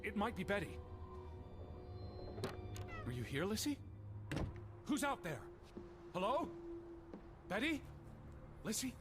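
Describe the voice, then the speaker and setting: An earnest, anxious brother searching for his lost sister, his voice rising and falling with great liveliness. This is video game dialogue with mounting desperation. Game music plays clearly behind him. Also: medium pitch, sing-song, unhurried, long pauses. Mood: calling out.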